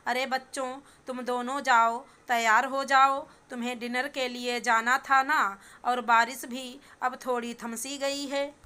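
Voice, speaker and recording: A woman's voice: on the high side, flat delivery, a little slow, bright, forceful tone, smooth. A woman voicing a bossy middle-aged mother-in-law in a storybook reading, talking in a stern, lecturing way. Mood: pleading.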